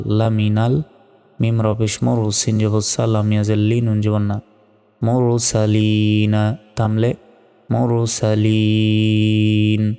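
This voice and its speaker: A man teaching Quran recitation, carefully spelling out each letter and vowel mark, then chanting the words in long drawn-out tones. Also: fairly low pitch, mellow, clean tone, in a large hall. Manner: slow, deliberate spelling out, drawn-out melodic recitation.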